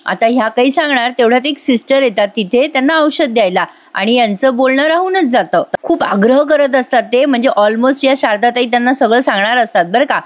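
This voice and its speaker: High-voiced woman recapping a serial. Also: a little fast, hardly any pauses, no room sound. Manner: chatty storytelling. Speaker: TV serial reviewer. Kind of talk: voice-over episode recap.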